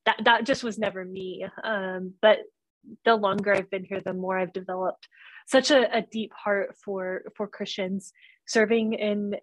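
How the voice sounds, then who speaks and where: A woman in her thirties, born in Romania and raised in North Carolina, is a guest author in a casual interview, speaking earnestly and thoughtfully with many fillers. Her mid-range voice is measured and fairly even in intonation, and the recording is dry and rough.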